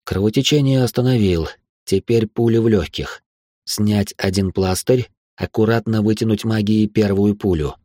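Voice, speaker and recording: A man narrates an audiobook in a low, steady voice. The recording is dry and close to the mic, with no room sound. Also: moderate pace, no room sound. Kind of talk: first-person audiobook narration.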